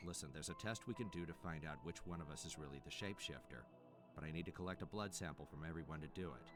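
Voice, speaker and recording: An actor playing a calm, firm survivor taking charge in a video game, steady and reassuring. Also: male voice, a bass voice, fast, music in the background.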